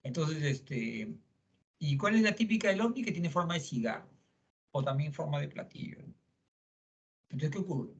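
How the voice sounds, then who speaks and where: Male lecturer, middle-aged, fairly high voice, chatty with tag questions, dull lo-fi classroom recording. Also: animated, normal speed, vocal fry, long pauses. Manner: conversational, frequent tag questions. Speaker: psychology lecturer.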